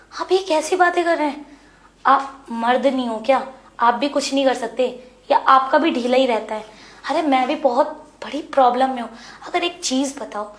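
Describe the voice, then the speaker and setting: A woman playing a frustrated young married woman who pleads with her brother-in-law, insistent and hushed. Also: sits high, lightly acted. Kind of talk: Hindi web series dialogue. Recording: echoey room.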